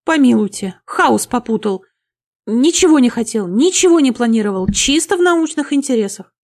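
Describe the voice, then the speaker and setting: A woman voicing a timid, plump middle-aged male summoner who squeaks and whines in fear. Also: lively intonation, moderate pace, warm tone. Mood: begging. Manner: squeaky, frightened, whining.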